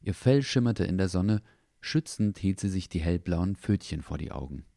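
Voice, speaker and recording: Deep-voiced man reading a children's story. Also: expressive, normal speed, vocal fry, mellow, no echo, studio quality. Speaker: narrator.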